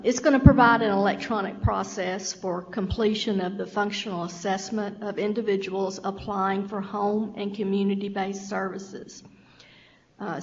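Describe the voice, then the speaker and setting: A woman with a Southern US accent gives a measured agency update. Her voice is gravelly and fairly flat in pitch. The recording is dull and faintly hissy, with a long reverb from a meeting room. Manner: measured, explanatory, occasional stumbles. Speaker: state agency official presenting. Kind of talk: public meeting presentation.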